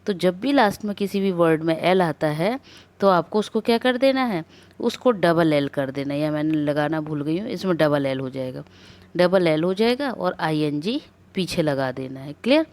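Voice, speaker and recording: A woman with a somewhat low voice gives a grammar lesson. She explains each rule step by step, checks that her students follow, and reads the English rules out slowly and carefully. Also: lively intonation, a little mellow. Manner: explains step by step with repeated rhetorical questions and checks. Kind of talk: classroom lecture on grammar.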